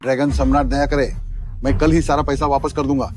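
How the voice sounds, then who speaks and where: A man's voice: mid-range voice, little pitch movement, fairly quick, background noise, natural voice. A man dubbing a fearful debtor boss who begs for mercy and stammers. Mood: groveling. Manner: pleading, stammering. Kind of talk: Hindi dub of a drama.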